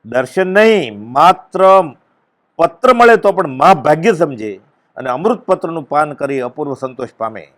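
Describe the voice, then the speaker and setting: A man giving a devotional discourse, telling a story and acting out its dialogue with sudden loud exclamations. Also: fairly high pitch, very animated, normal speed. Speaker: spiritual discourse speaker.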